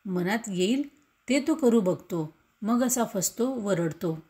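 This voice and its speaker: A woman's voice: medium pitch, expressive, slow pace, darkish tone. A woman voicing a remorseful young boy who pleads tearfully with his mother, read as a storybook. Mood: pleading.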